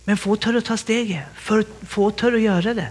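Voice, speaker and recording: Male guest preacher, high-pitched, animated sermon delivery full of exclamations and laughter. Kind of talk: lively sermon.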